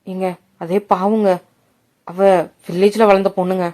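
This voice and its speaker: A woman voicing a worried middle-aged mother who speaks softly and hesitantly to her husband. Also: medium pitch, level tone, normal speed, lightly acted. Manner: soft, hesitant.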